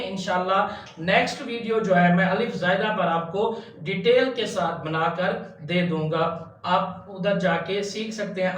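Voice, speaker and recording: Male tajweed teacher, high voice, unhurried, chants syllables; echoey room, a bit far from the mic. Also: a bit bright. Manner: slow and patient, spells out letters and chants drawn-out syllables. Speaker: Quran recitation teacher. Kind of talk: step-by-step tajweed lesson.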